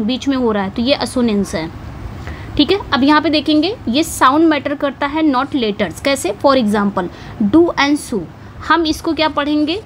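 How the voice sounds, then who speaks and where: A woman with a high voice teaches an English lesson, going over each point again and again and quizzing her students as she goes. She reads the English examples slowly and with care, over a faint hiss of background noise. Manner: explains patiently, repeating points and asking questions back to students. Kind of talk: exam-prep lesson in Hindi and English.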